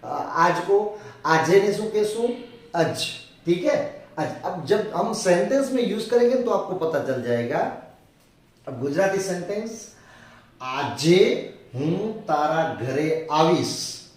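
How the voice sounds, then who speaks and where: A man giving a spoken language lesson who repeats words and example sentences slowly, stretching each phrase. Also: sits high, very animated, distant mic. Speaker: language teacher. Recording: very echoey room, voice away from the mic.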